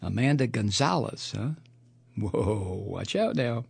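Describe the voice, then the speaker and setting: A man's voice: medium pitch, lively intonation, slow, creaky, a little mellow, slightly rough, no room sound. A man hosting a political talk show, reading news items and mocking them with sardonic, profane commentary and frequent laughter.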